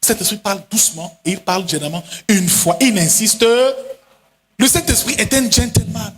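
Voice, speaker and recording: A male pastor preaching a sermon in a chanting, sing-song style, now and then breaking into shouted lines and quickly acting out other voices. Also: high-pitched. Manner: acts out voices in quick asides. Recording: long hall reverb.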